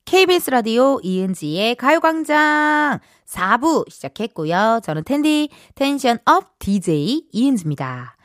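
A woman's voice: on the high side, very animated, a little slow, few pauses, no echo. A young adult woman hosting a radio show in a studio, bubbly and playful, chatting and reading listener messages. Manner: bubbly, playful, reads listener texts with acted voices. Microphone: studio mic. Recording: dry studio sound with faint music behind.

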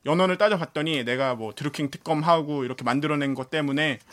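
A man's voice: on the high side, quick pace, fairly bright tone. A man working as a reporter and stand-in host, chatting casually on a studio talk show.

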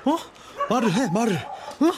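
A man's voice: extremely high pitch, big pitch swings, unhurried, background noise, full character voice. An actor playing a pedantic, teasing ex-husband in his late thirties who studies law. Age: 30s. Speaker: ex-husband studying for the bar. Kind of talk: TV drama acting.

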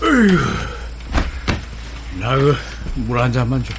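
An actor playing an older husband worn out from chasing a swindler, exhausted and bitter, breaking into tearful shouting. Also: male voice, medium pitch, big pitch swings, takes it slowly, very noisy. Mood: weary. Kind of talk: TV drama acting.

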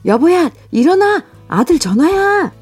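A woman's voice: measured pace, slightly rough, faint music behind. A woman voicing a flustered middle-aged father in a radio letter reading. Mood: excited shouting. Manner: shouting in excitement, high and loud.

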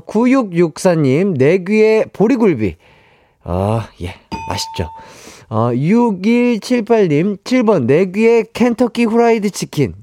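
Man, radio DJ, reading listener entries, playful, somewhat high voice, very animated. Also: a little hiss or hum. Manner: playful, reads out jokes and mimics them.

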